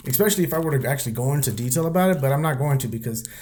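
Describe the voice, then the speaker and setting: A man's voice: medium pitch, expressive, rapid-fire, darkish tone. A man in a casual podcast chat, telling candid stories laced with profanity and acting out what people said. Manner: acts out quoted people mid-story.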